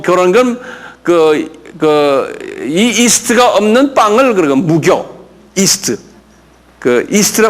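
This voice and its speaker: An older man, a pastor, teaching a Bible lesson and drilling terms, asking his class questions and having them repeat words after him. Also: high voice. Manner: explains slowly, with many fillers and questions to the class.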